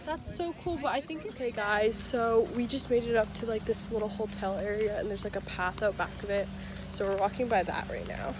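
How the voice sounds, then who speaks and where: A woman's voice: mid-range voice, brisk, very noisy. A woman filming a casual vlog on a phone, chatty and full of "like", talking from a car and then a beach walk. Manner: chatty, lots of "like". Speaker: vlogger.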